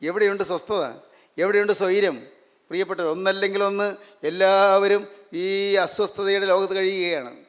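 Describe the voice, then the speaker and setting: A man's voice: high-pitched, fairly even intonation, moderate pace, clear, resonant tone. A man preaching a sermon, emphatic and repetitive, full of rhetorical questions. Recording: long hall reverb.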